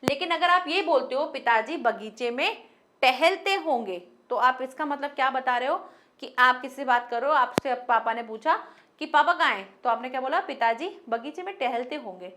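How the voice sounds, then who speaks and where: A woman's voice: high-pitched, moderate pace, pushed and bright. A young woman teaching Hindi grammar to students online. She works through everyday example sentences and mixes English words into her Hindi.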